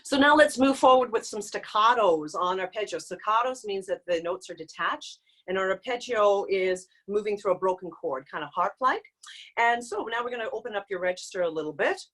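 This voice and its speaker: A woman vocal coach leading a live online group singing lesson, explaining exercises and breaking into loud demonstration hoots and calls. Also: medium pitch, animated, brisk. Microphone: video call.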